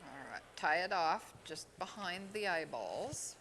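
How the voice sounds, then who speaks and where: Woman demonstrating fly tying, slow and deliberate, bright tone, faint hall ambience. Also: on the low side, animated, slight background noise. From Oregon, USA. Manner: unhurried, plain instructional talk with pauses. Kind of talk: step-by-step demonstration. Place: expo hall.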